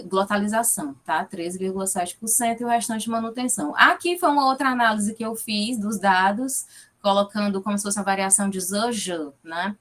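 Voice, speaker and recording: A woman's voice: medium pitch, fairly bright tone. A woman with a Fortaleza accent giving an academic presentation over a video call, explaining her research findings and checking in often with her listeners. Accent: Fortaleza, Ceará. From Fortaleza, Brazil. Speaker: guest lecturer, linguistics researcher.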